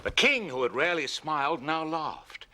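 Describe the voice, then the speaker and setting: A man telling an ancient myth as a storyteller, grave, dramatic and expressive. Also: fairly high pitch, normal speed. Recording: loud music bed. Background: dramatic music.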